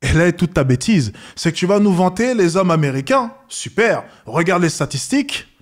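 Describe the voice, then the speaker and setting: Man, fairly high voice, scornful reaction commentator, lecturing tone, mocks freely. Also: big pitch swings, moderate pace.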